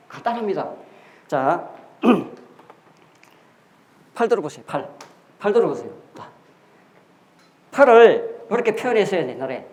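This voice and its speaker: A man's voice: fairly high pitch, darkish tone. A man giving a classroom lecture on history and characters, explaining step by step with rhetorical questions and repeated key words. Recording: echoey room.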